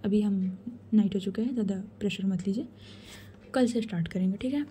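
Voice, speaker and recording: A woman voicing a caring, playful young woman who tutors a friend, in a gentle, reassuring whispered role-play. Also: mid-range voice, a little fast, a little hiss or hum, natural voice.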